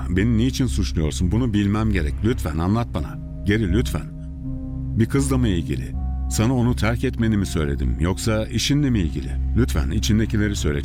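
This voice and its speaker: An anxious father and radio host pleads in a low, strained voice. He tries to placate a hostage-taker in a dubbed thriller, with music underneath. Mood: placating. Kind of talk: dubbed film thriller acting.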